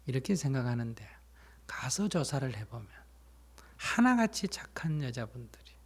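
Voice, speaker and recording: A man, a Buddhist monk, giving a dharma talk that explains and tells stories, sometimes asking his listeners questions and dropping to a soft, whispery emphasis. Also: mid-range voice, sing-song, moderate pace, husky. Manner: plain explanatory storytelling, asks listeners questions.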